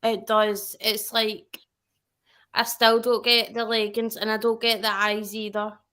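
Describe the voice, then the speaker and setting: A woman chats casually as a livestream guest, her voice bright and ringing and set a little high. She rambles and corrects herself as she goes. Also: flat delivery, measured pace. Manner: chatty, rambling, self-correcting.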